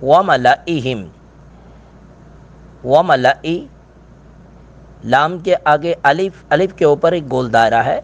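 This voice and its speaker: A middle-aged teacher with a fairly high voice and some vocal fry gives a recitation lesson, the highs cut off in the recording. He lays out each pronunciation rule in a plain, steady manner before slowly chanting the verse with drawn-out sounds.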